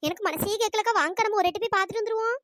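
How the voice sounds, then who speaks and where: Village women neighbours chatter excitedly in chipmunk-high voices, their gossip rapid and sped up like a cartoon. A faint hiss or hum sits in the background.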